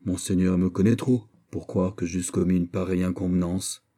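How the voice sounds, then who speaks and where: Man doing a polite frank young count, a bit raised, dark husky voice. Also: low voice, little pitch movement. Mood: measured. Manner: measured, respectful, frank. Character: earnest young male count, frank courtier. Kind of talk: audiobook character reading.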